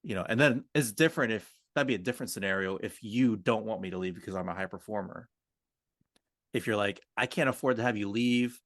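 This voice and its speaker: A man co-hosts a podcast as a communication coach in an unscripted coaching discussion, talking off the cuff and often illustrating his explanations with hypothetical quoted dialogue. His voice is fairly low and fairly quick with a fairly bright tone, recorded with clean studio sound and no echo.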